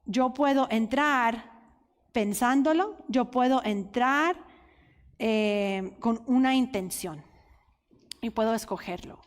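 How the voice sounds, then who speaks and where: A woman's voice: fairly high pitch, takes it slowly. A woman teaching the Bible at a women's conference, earnest and openly emotional, speaking straight to her listeners. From United States. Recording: reverberant hall.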